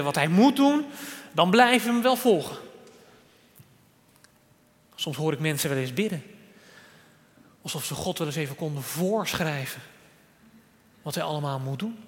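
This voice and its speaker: A man preaching a sermon in earnest, moving between loud stressed lines and quiet, soft ones. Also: fairly high pitch. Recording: long reverb of a large church hall.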